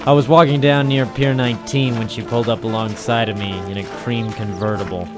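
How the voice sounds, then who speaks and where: Here the same 1940s radio noir role, a wisecracking, hard-boiled waterfront private eye, comes in a mid-range male voice that runs a little fast against loud background music. The delivery is deadpan, terse and lightly acted, with a sardonic, tough edge across narration and dialogue in this old broadcast recording.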